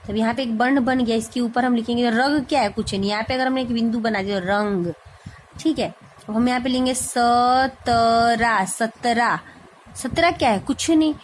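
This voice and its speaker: A woman's voice: a little high, normal speed, slight background noise. A woman teaching a grammar lesson, explaining each point patiently and often checking in with her students.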